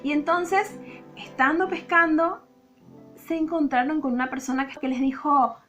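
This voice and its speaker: A woman with a Rioplatense Spanish accent, a Sunday school teacher telling a Bible story to children in an expressive, dramatic way. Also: sits high, a little slow, soft background music.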